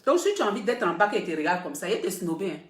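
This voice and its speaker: A middle-aged woman blogger talks casually to her viewers in a live video, emphatic and repeating points for stress. Her medium-pitched voice swings widely in pitch and moves fast, with a roomy echo around it.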